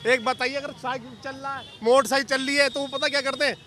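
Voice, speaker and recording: High-pitched angry young man outdoors. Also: fairly even intonation, fast talker, bright, forceful tone. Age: young adult. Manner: angry, complaining, reels off price lists. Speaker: mechanic interviewed on the street. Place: outdoors on a busy street.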